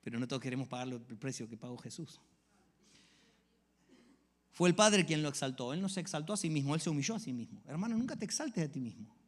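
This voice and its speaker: A man preaching a sermon, swinging from hushed whispers to loud exclamations. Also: mid-range voice, lively intonation, fast. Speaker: pastor.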